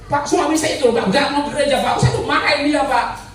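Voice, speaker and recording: A man's voice: very high voice, brisk, a little hiss or hum, voice pushed up. A man voicing an exasperated churchgoing wife who keeps pleading with her pastor about her husband. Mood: complaining. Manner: pleading, repeating "Pak". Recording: echoey hall from a distance.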